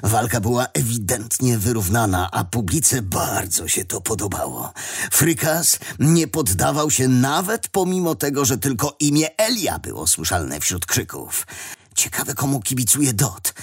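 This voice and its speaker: A man reading a children's adventure story aloud as the narrator, with expressive storytelling. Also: medium pitch, measured pace, slightly rough. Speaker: audiobook narrator.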